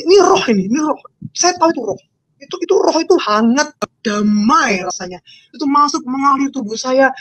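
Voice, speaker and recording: As a guest on an interview, this woman delivers a heartfelt testimony about her own life, circling back to the same phrases while her pitch rises and falls dramatically. The audio has no echo.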